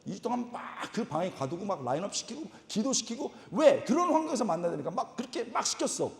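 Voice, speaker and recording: A male pastor tells stories from the pulpit at a retreat service, voice climbing and dropping with lively expression. He slips into the voices of the people he describes and breaks into exclamations. The sound is roomy, with a long reverb tail from the hall. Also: high voice, fast, creaky. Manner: animated, imitates people in his stories, exclaims. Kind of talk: lively storytelling sermon.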